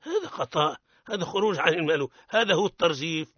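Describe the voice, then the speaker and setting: A man with a Tunisian accent teaches Quran recitation in a radio lesson, explaining the rules and then chanting each verse slowly for listeners to repeat. His voice is bright and fairly high, and the sound is dry and a little dull. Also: animated, breathy edge, no room sound. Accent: Tunisian Arabic.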